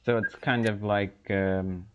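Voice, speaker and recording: A young man co-hosting a casual podcast chat, talking slowly with many ums and restarts. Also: on the low side, steady tone, slight background noise. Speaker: podcast co-host. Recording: dull lo-fi sound.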